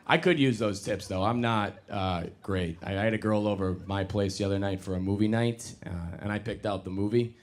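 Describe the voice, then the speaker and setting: A young man performing a stand-up comedy set on a club stage, self-deprecating and deadpan, then suddenly loud. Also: on the low side, a little fast, a little hiss or hum. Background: audience laughter.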